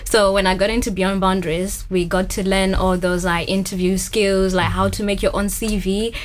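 A woman's voice: mid-range voice, flat delivery, moderate pace, slight background noise. A young woman reflecting casually on what a training programme taught her, often saying "like". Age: young adult. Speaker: programme graduate. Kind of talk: personal testimony.

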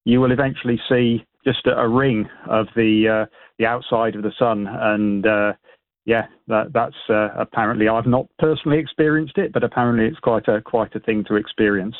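A British man speaking as an expert guest in a radio interview, explaining informally in a hesitant, halting way with repeated words over a phone line. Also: mid-range voice, steady tone, no room sound. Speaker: astronomy expert and event organiser, radio guest. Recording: band-limited tinny phone line.

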